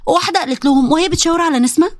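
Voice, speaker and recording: A woman with an Egyptian accent narrating a story briskly. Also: very high-pitched, no room sound, studio quality. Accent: Egyptian Arabic.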